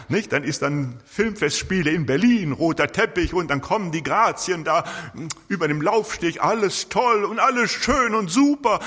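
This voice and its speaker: Older male preacher, lively sermon delivery, husky tone, long church reverb. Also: a little high. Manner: lively storytelling with frequent tag questions.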